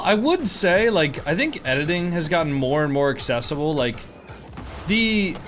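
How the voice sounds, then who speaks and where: A man's voice: fairly high pitch, a little hiss or hum. A young man streaming a game, chatting casually in a rambling way full of fillers and restarts. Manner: rambling, filler-heavy, indignant. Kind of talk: casual live-stream chat.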